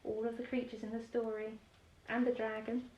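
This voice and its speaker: Slightly high and warm, with little pitch movement, a woman's voice moves a little fast through a children's bedtime story from a picture book. She's expressive, with chatty explanations and questions for young listeners. Highs are cut off, there's slight background noise, and the distant mic catches roomy echo.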